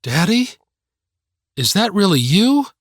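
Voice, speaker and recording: A man voicing a fragile young mother in a hospital bed, speaking in a breathy, wondering way in an audiobook. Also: high-pitched, very animated, slow, no room sound, studio quality, pitched above the performer's own voice, exaggerated voice. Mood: amazed.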